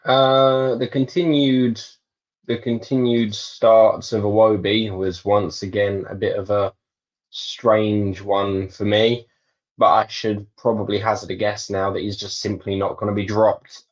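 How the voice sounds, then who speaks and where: A man's voice: fairly low pitch, steady tone, unhurried. A man chatting casually about football as a podcast panellist, on dull audio. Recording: dull, band-limited audio.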